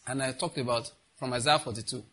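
Husky-voiced man preaching a sermon. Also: medium pitch, fairly even intonation, fast, a bit bright. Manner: emphatic, repeats key phrases, questions the congregation. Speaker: pastor.

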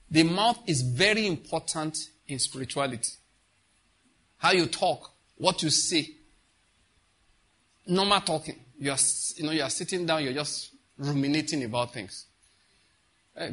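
A man's voice: fairly high pitch, a bit bright, breathy edge. A middle-aged man preaching a sermon as pastor, emphatic, repeating key phrases and putting questions to the congregation.

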